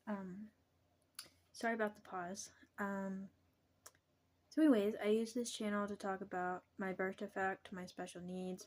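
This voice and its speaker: A young adult woman talking casually to her vlog viewers, halting and pausing often mid-sentence. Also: mid-range voice. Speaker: vlogger.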